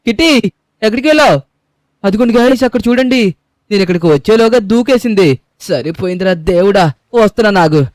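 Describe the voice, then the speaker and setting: A young man hosting a gaming channel, narrating in character with lively drama. His voice sits a little high and sounds smooth and clear. The recording is dry and close. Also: quick pace, pauses often, no room sound. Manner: excitable, dramatic shouting and groaning. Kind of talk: game voiceover commentary in character.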